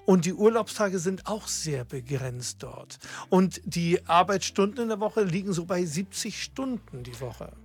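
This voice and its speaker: A middle-aged man from Hamburg hosts a relaxed chat with a fairly high voice. He talks in long, explanatory stretches and keeps the conversation moving. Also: unhurried, few pauses, breathy edge. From Hamburg, Germany. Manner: chatty, explains at length. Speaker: host. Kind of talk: casual conversation.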